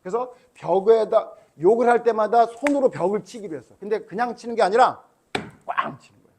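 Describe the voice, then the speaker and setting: A man's voice: high voice, brisk, a little mellow, a little hiss or hum. A male pastor giving a Sunday school sermon to children, chatting with them and quizzing them with questions.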